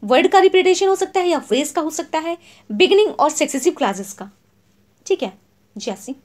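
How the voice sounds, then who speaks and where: A woman teaches literary terms for an exam in a high voice that swings widely in pitch. She reads each English definition slowly and clearly, then goes over it again in Hindi. She keeps checking in with the class as she goes. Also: expressive.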